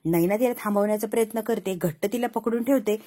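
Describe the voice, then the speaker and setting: A woman's voice: mid-range voice, fast talker, warm tone. A woman retelling a TV serial episode in a casual storytelling manner, voicing the characters' lines herself. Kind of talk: casual storytelling recap with acted dialogue.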